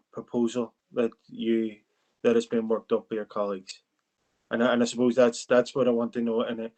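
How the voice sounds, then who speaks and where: A man's voice: medium pitch, a little mellow, rough recording. A man chairing a council committee over a remote call, asking questions politely and with some hesitation. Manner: polite, hesitant, restarts words. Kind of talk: formal meeting questioning.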